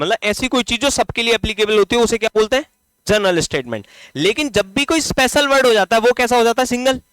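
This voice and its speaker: In a classroom lecture, a man from India with a Hindi accent teaches English grammar, asking the class questions and answering them himself. He stretches key words out slowly as he writes on the board. His high-pitched, fairly bright voice is clean, with no echo.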